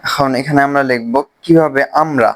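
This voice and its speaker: A man with a Bangladeshi Bengali accent, casually explaining a phone video-editing app step by step, with pauses as he clicks. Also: mid-range voice, a bit bright. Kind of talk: screen-recorded software tutorial.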